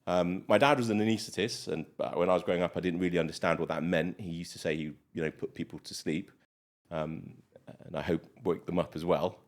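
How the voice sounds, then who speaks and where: A middle-aged man from Malawi with a British English accent appears as a guest doctor in a casual interview. His low-pitched voice is fairly even and a little fast, and he rambles with many fillers.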